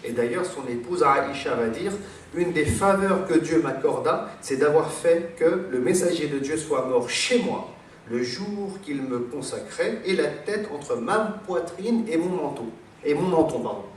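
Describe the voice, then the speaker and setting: A French-born man with a fairly high, animated voice speaks a little slowly as he gives a digressive religious talk, heavy on fillers and repetition. Light hiss or hum and faint ambience accompany the distant, echoey sound of the large hall he's in.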